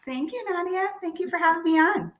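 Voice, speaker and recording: A woman from the United States, a guest on an online show, telling a story in a lively, chatty way. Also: extremely high pitch, brisk. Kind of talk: conversational storytelling.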